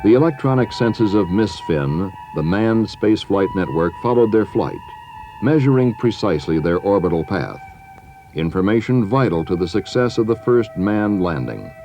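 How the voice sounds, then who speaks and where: A low-voiced man narrates a documentary with measured, dramatic pauses. His delivery swings expressively in pitch, over background music. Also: expressive, mellow.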